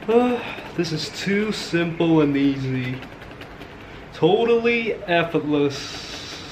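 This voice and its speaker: A man's voice: on the high side, lively intonation, takes it slowly, background noise. A young man chatting casually in a cooking vlog, joking with viewers while he whisks, tired and a little out of breath. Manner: playful, jokey, talks to viewers while whisking. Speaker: vlogger.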